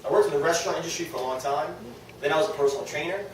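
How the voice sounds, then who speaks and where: Racing through his words, a slightly high-voiced New Englander gives an informal pep talk at a direct-sales team meeting, self-deprecating and frequently checking on his small audience. A distant mic in a very echoey room, with faint noise, puts him at a remove.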